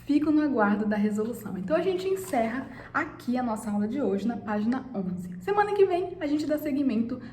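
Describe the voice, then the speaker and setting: A woman's voice: fairly high pitch, very animated, brisk, few pauses, darkish tone. A woman teacher giving a lesson to children, speaking to the pupils directly and asking them questions. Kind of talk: online class lesson for children. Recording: echoey room, faint noise.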